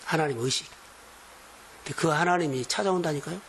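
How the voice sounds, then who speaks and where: A man preaching to his church in a fairly high voice, leaning on slow, emphatic phrases. He speaks as a pastor to his congregation. A faint hiss of room noise sits behind him. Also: vocal fry, fairly bright tone. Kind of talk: sermon. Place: church sanctuary.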